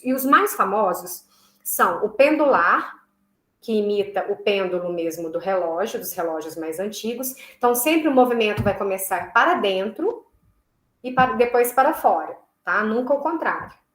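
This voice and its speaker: A woman teaching a recorded online music class, explaining patiently, checking in often with her students, and slowly chanting rhythm syllables as she demonstrates. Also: medium pitch. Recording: echoey room.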